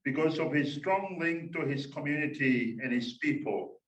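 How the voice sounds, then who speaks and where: A man from Tonga, a church minister, giving a formal welcome and introducing a speaker, pausing often with "uh". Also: on the high side, expressive, a bit bright, reverberant, recorded from a distance, lo-fi sound. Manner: slow and measured, many "uh" pauses. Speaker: minister and workshop host.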